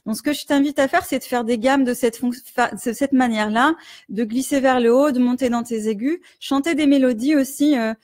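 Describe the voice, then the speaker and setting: High-voiced French vocal coach, dry close sound. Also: female voice, brisk, no echo. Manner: demonstrates hums, vowels and sung exercises; gentle, patient explanation with many fillers. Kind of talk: live-streamed singing lesson.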